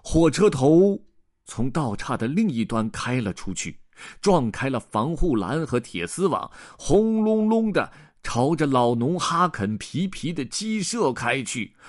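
A man narrating a children's picture book aloud in a lively, expressive way. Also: medium pitch, a little slow, no echo, studio quality. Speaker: storyteller.

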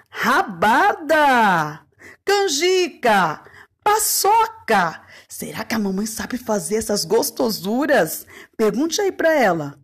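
A woman's voice: mid-range voice, husky. A woman, a preschool teacher talking in a playful, singsong way to young children. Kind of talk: lively talk to young children.

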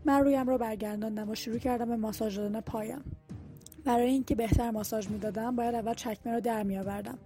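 A woman's voice: a little high, fairly even intonation, warm tone. A woman reading a novel aloud as an audiobook narrator, voicing the characters' dialogue lightly herself. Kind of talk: scripted narration over music. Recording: music bed behind the voice.

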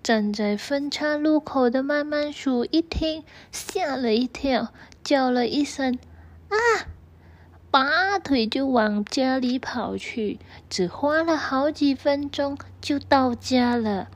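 Woman narrator for a children's story, slow and soothing, slightly high voice.

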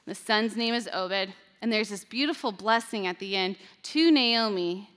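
A woman's voice: medium pitch, moderate pace, a bit bright. A woman giving a conversational Bible talk, casual and chatty with playful modern asides. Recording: long hall reverb.

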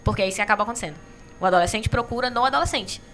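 A woman's voice: medium pitch, racing, fairly bright tone, soft background music. A woman co-hosting a live-stream discussion, explaining her points emphatically and repeating them for weight. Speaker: co-host.

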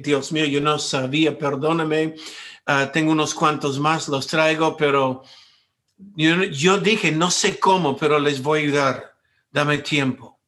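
A man's voice: fairly high pitch, a bit bright. A male pastor giving a sermon testimony, telling a story earnestly with quoted dialogue and frequent self-corrections.

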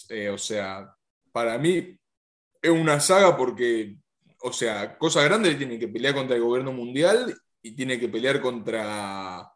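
A man with a Rioplatense Spanish accent in a casual manga chat, halting and restarting, laughing easily. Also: mid-range voice, reverberant. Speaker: podcast co-host.

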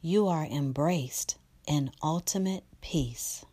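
Very slow, soft-spoken meditation guide woman. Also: low voice, husky, no room sound. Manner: soft, slow, partly whispered delivery.

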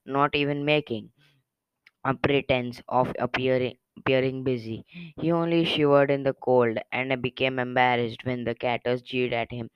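A man's voice: mid-range voice, smooth, dry recording, lo-fi sound. A man reading a short story aloud in a plain way, with occasional slips and restarts. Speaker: reader.

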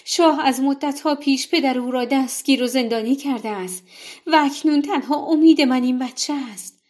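A woman's voice: very high voice, lively intonation, a little mellow, voice pushed up. A woman voicing a desperate young mother who pleads tearfully for her baby's life in a told folktale. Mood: pleading.

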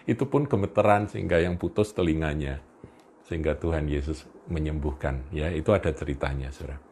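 A man with a very low voice preaching a sermon. He tells the story in a relaxed, conversational way, chuckling now and then and speaking straight to his listeners. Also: a little fast, slight background noise.

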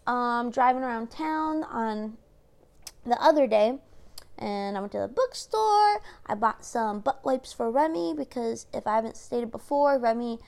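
A woman's voice: fairly high pitch, expressive, measured pace, gravelly, a little mellow. A young woman vlogging in a casual, rambling way, telling stories with lots of fillers. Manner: chatty, laid-back storytelling with lots of fillers. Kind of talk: casual chat.

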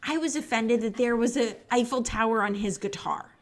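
A woman's voice: on the high side, moderate pace. A young woman co-hosting a casual podcast, ranting about a film in a playful, mock-offended way. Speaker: podcast co-host. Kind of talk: casual chat.

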